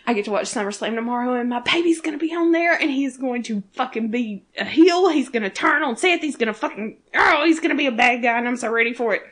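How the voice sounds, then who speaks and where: A woman co-hosting a fan podcast, talking excitedly, swearing a lot and laughing often. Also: fairly high pitch, quick pace, few pauses. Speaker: podcast co-host. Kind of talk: casual fan chat.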